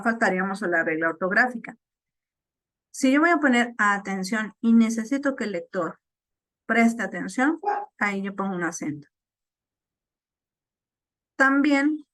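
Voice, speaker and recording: A woman's voice: on the high side, dry recording. Woman teacher, dry close lecture. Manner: explanatory, checks in with frequent "ok?". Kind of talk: online class lecture.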